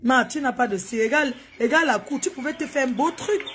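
A woman's voice: sits high, a little fast, music in the background. A woman hosts a gossip channel. She gives mocking commentary over a video and scolds and teases the person on screen directly. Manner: scolding, teasing, talks straight at the person on screen.

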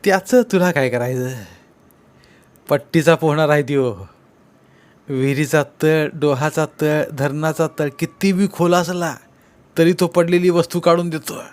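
This is a man playing a shrewd village headman who interrogates with steady, needling questions. His voice runs a bit high, with a lilt. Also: unhurried, lightly acted. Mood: cold. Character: sly accusing village headman, middle-aged man.

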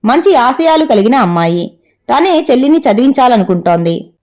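A woman voicing a calm, firm older lady. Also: fairly high pitch, normal speed. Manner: firm, reasoned. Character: calm wise older woman defending a young girl.

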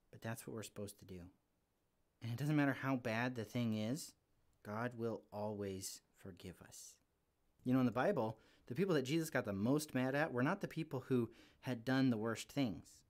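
This man's voice sits on the low side with a darkish tone as he plays a friendly young puppet kid. He offers a children's devotional casually and earnestly, chatty and informal with frequent use of "like".

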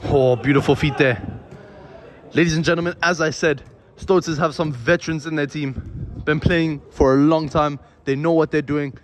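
A man commentating live on an amateur football match, excited and out of breath, with stock phrases. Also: fairly high pitch, normal speed, slight background noise.

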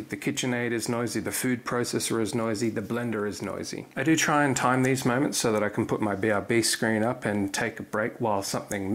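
A man in his thirties talks straight to camera from his home kitchen in a steady, methodical way. His voice sits in an ordinary middle pitch. It is picked up close by a small mic clipped to his apron. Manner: calm, methodical explaining. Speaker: cooking streamer. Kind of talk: scripted talk to camera. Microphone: lavalier clipped to apron.

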